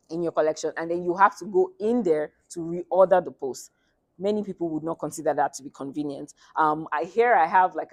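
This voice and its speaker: Casting: female student defending a thesis, halting and hesitant, modestly low pitch, very dry recording. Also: no echo. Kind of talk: academic presentation, semi-scripted.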